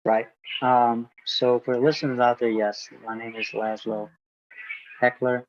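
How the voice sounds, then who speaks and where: Speaking a little slowly with little pitch movement, a medium-pitched man from Hungary reflects aloud as an interview guest. The conversation is casual, his speech is packed with fillers and repeated words, and the sound is lo-fi.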